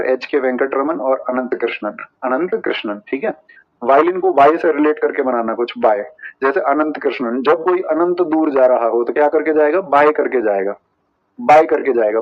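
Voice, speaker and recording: A man's voice: fairly high pitch, muffled recording. A man teaching an online exam-prep class, chatty, with memory tricks and asides to staff.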